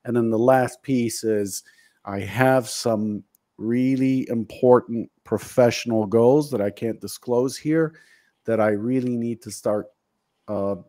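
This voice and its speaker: A man in his fifties, hosting a casual video-call chat, speaks slowly in a medium-pitched, dark-toned voice. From his home office, using a studio mic, he talks about his goals in an earnest, slightly self-deprecating way.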